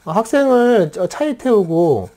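Chatty art teacher with a mellow, lively voice. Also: mid-range voice, a little slow. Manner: chatty, keeps asking listeners to agree; explains through everyday examples and rhetorical questions. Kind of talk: casual drawing lesson.

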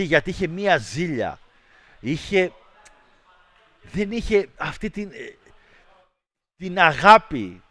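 A man hosting a livestream, chatting casually with viewers and ranting in a mocking, animated way. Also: fairly high pitch, no echo. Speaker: livestream host. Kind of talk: casual stream chat with viewers.

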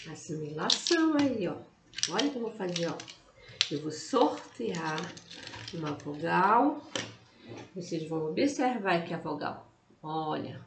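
Brazilian lady teaching little kids, talks real slow and stretches the words, kinda echoey room. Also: mid-range voice, slight background noise. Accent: Brazilian Portuguese. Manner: slow, drawn-out words, sounding out vowels for kids. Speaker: preschool teacher. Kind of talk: online lesson for young children.

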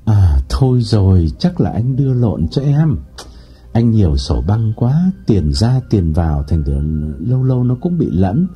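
An eager, smooth-talking suitor pleads and flatters down the phone, voiced by a man reading an audiobook. The voice is deep-toned, very dark and husky. Soft music plays underneath. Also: unhurried, exaggerated voice. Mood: apologetic. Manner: pleading and fawning.

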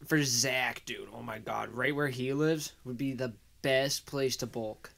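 A man's voice: mid-range voice, steady tone, a little slow, creaky, a bit bright. A man co-hosting a podcast, trading laid-back, crude banter and laughing often. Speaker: podcast co-host. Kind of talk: casual chat.

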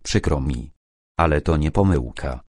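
A man reading the lines of a calm police major in an audiobook, speaking gently and in a measured way. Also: rumbling low, no room sound, clean studio sound, voice pushed down, heavily acted. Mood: grave.

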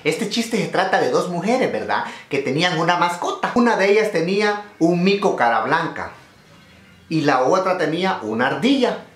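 A man telling jokes to camera in an animated way, often tagging lines with a quick "¿verdad?". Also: high voice. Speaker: joke teller. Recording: roomy echo.

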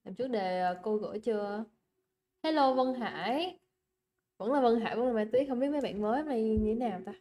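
A young woman with a Vietnamese accent teaches an English exam class over a livestream. Her voice sits a little high, and she talks in a chatty, coaxing way. She repeats words for emphasis and keeps checking that her students are following. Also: lively intonation, brisk, warm tone. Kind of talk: livestream exam review lesson.

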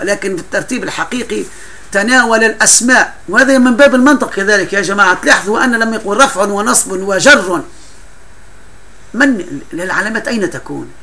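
A man's voice: high-pitched, pushed and bright. A man teaching a classroom grammar lesson, explaining patiently with frequent laughs and broken-off restarts.

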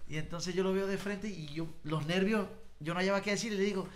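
A man's voice: sits high, fast. A man from Venezuela, a singer-songwriter telling stories in a casual chat and acting out the voices of the people he quotes. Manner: animated storyteller who acts out voices in quotes.

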